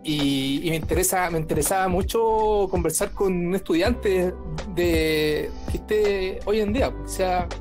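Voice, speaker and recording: A man's voice: sits high, unhurried, few pauses, over music. A man in his thirties with a Chilean accent, a teacher appearing as a podcast guest, speaking hesitantly and repeating words. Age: 30s. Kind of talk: casual podcast chat.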